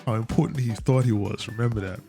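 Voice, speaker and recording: A man's voice: on the low side, quick pace, vocal fry, mellow, soft background music. A man giving casual, chatty commentary over a flight simulator session, stumbling now and then with fillers. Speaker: flight sim YouTuber.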